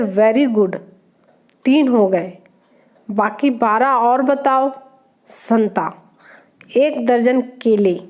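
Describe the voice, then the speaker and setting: A woman reading short jokes aloud, naming each speaker before their line. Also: on the high side. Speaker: joke reader.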